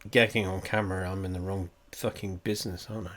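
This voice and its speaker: Stuffy guy with a lowish voice, rambling and swearing through a casual review at home. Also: little pitch movement, fast, a bit bright. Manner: meandering, profane, wry. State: congested, coughing. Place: at home indoors.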